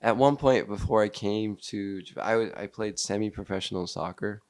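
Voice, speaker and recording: Earnest young American man, lowish voice. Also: darkish tone. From Seattle, USA. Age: 20s. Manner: halting, earnest, frequent restarts. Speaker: podcast guest. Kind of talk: casual conversation.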